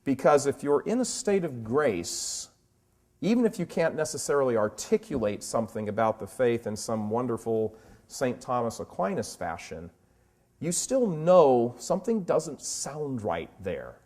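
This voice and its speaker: A man in his fifties giving impassioned commentary, firing rhetorical questions and slowing down to stress his words. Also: medium pitch, sing-song, darkish tone. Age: 50s.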